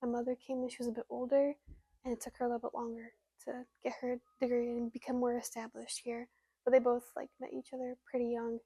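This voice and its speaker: A young woman interviewed for a documentary, speaking in a measured way. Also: on the high side, level tone, dark tone, breathy edge, no echo. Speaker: student interviewee.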